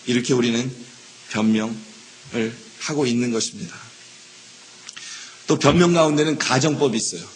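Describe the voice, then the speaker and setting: A man's voice: medium pitch, normal speed, long pauses, a little hiss or hum. A man preaching a sermon as pastor, repeating key words, asking the congregation questions and acting out quoted excuses in shifting voices. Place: church sanctuary.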